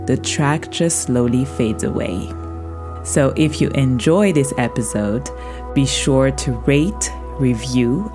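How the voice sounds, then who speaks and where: Soothing lady podcast host, really low mellow voice, scripted meditation intro, faint music under it. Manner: soothing, unhurried.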